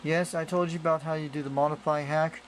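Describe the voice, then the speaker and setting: Talking fast and in a level tone, the same slightly high-voiced radio hobbyist rambles through a hands-on gadget demonstration, returning again and again to points he's already made. It's noisy amateur camera audio with faint background noise.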